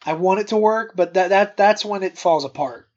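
A man's voice: sits high, moderate pace, a little mellow. A man hosting a casual podcast, rambling with restarts and plugging merch eagerly. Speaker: podcast host. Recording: dull lo-fi podcast audio.

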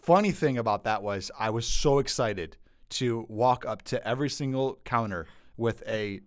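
A man hosting a podcast as a pastor, telling stories in relaxed back-and-forth chat. He laughs easily and gets animated mid-story, his voice jumping up when he tells a punchline. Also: mid-range voice, moderate pace.

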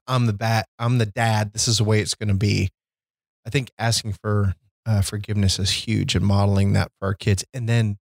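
A man's voice: on the low side, no echo. A man co-hosting a podcast, talking earnestly and reflectively about fatherhood and forgiveness, reading scripture aloud. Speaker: podcast co-host. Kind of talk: casual faith-based discussion.

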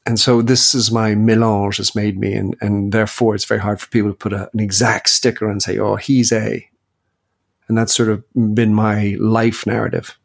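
A man's voice: on the low side, flat delivery, normal speed, creaky. A man in his fifties, a guest and author, telling his life story in a reflective interview. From Belgium. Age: 50s. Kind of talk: interview conversation.

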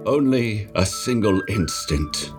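A man's voice: fairly low pitch, animated, slow pace, music in the background, voice pushed up. A man voicing an earnest, devoted young shepherd who pleads in old-fashioned speech. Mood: earnest, pleading.

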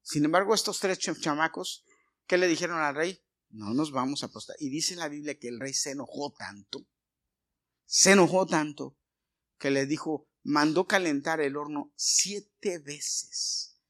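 A middle-aged man with a Mexican Spanish accent preaching a sermon, retelling a Bible story, going from hushed asides to loud bursts. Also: a little high. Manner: storytelling with many pauses, swings from hushed to loud.

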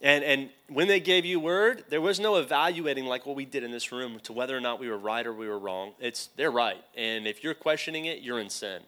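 A man's voice: mid-range voice, expressive, brisk, hardly any pauses, fairly bright tone. A male pastor teaching a sermon, often putting questions to the congregation.

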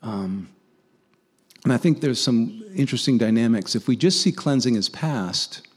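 A man's voice: medium pitch, expressive, moderate pace, slightly rough. A man preaching a conversational sermon, earnestly asking his listeners rhetorical questions and often restarting his sentences.

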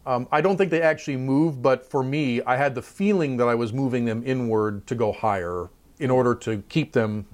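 Man, middle-aged, college trumpet professor, relaxed interview talk, chatty, lots of asides. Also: mid-range voice, normal speed. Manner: thoughtful, chatty, full of fillers and asides.

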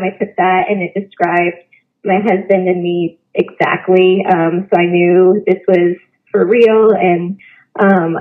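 A woman leaving a hesitant voicemail as a listener calling in, heard over a low-quality phone recording. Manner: hesitant, many ums. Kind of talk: voicemail message. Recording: tinny lo-fi phone line.

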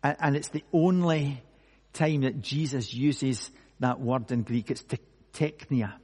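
A male pastor preaching a sermon slowly and emphatically, with dramatic pauses. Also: mid-range voice, darkish tone, slightly rough. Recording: long hall reverb.

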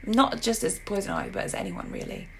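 Croaky, hoarse woman podcast host. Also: mid-range voice, quick pace, slight background noise. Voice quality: hoarse, croaky voice with gravelly creak. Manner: animated, jokey, exclaims emphatically. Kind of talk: casual film and TV podcast chat.

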